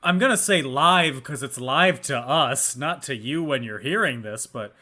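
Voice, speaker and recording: A man's voice: mid-range voice, animated, measured pace, pushed and bright. A man hosting a podcast who chats casually with a dry, teasing humor. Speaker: podcast host. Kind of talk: casual chat.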